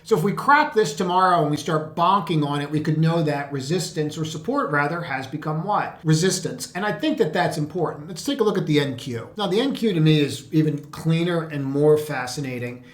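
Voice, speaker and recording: Animated man walking through stock charts. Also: a little high, fairly quick, hardly any pauses, echoey room. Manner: animated, rhetorical questions, laughs at points. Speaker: trading educator. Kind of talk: chart walkthrough commentary.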